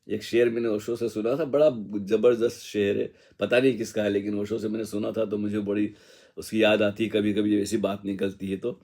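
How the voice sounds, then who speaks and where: A man giving an unhurried, reflective spiritual discourse, musing with casual asides and slowly reciting couplets. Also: on the low side, a little mellow. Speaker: spiritual teacher.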